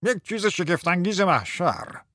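A man's voice: on the high side, expressive, a bit bright, no echo, studio quality. An actor playing a chatty, self-satisfied middle-aged husband and businessman in a radio drama. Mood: boastful.

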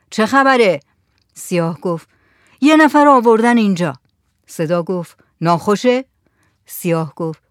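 A woman's voice: medium pitch, darkish tone, dry recording. Woman reading a story, dry close sound. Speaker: narrator. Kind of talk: audiobook narration.

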